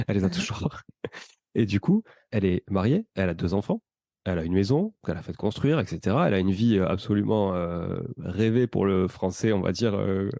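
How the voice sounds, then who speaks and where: A man in his thirties with a Toulouse accent, telling his life story as a podcast guest in a relaxed, rambling way with many fillers. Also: sits low, vocal fry, no echo, clean studio sound. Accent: Toulouse French. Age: 30s. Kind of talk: casual conversational storytelling.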